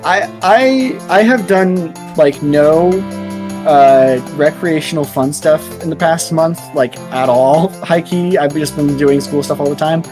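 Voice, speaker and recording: A man's voice: on the high side, measured pace, darkish tone, faint music behind. A young adult man co-hosting a gaming podcast over voice chat, joking, swearing freely and laughing often. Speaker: podcast co-host. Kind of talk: casual chat. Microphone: online voice chat.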